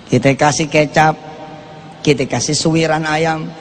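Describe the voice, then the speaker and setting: A middle-aged man preaching a sermon to a congregation, animated and acting out quoted prayers and complaints. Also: fairly high pitch, a little slow, a little hiss or hum.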